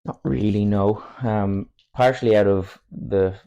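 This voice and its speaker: A Cork man in his twenties, an Irish-accented native Irish speaker, chats candidly as a footballer guest on a casual podcast, rambling and chuckling often. His voice is on the low side, fairly even and a little slow, with a dark, clean tone and the highs cut off.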